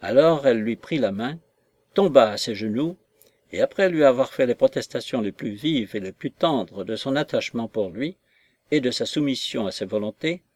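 A man narrates a classic novel in a measured, literary way. His pitch sits in the middle range. The recording is dry and close, with no room sound. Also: darkish tone, dry recording.

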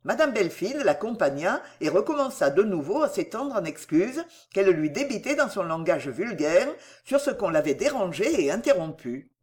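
A woman reads a classic novel aloud with measured, expressive storytelling. Her pitch moves in a lively, animated way through each sentence, at a middle height for a woman. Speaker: audiobook reader. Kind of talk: scripted narration of a classic novel.

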